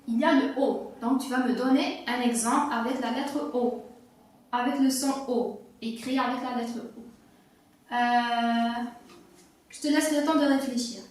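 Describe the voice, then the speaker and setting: A young woman teacher with a North African French accent, explaining a reading lesson to young children, patiently repeating words and spelling out letters. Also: high-pitched. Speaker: primary school teacher. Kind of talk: slow, clear classroom explanation for young children. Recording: echoey room, voice from a distance.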